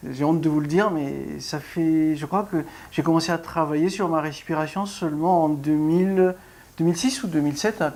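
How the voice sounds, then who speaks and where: Halting middle-aged ballet pianist teaching. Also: mid-range voice, a little mellow. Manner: halting, with many restarts and repeated words; explains while demonstrating rhythm and breathing. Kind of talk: casual video lesson.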